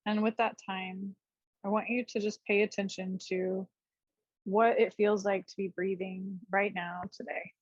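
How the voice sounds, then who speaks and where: A yoga teacher with a husky, breathy voice guides a meditation, speaking gently in short, unhurried phrases separated by space. Her pitch is medium and her intonation fairly even. It's unscripted class instruction, recorded dry and a little dull.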